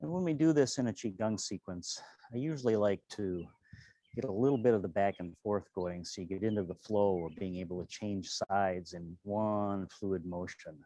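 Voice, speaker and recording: Low-voiced man giving serene tai chi cues. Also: normal speed, warm tone, dry recording. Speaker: tai chi and qigong instructor. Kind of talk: tutorial movement cues.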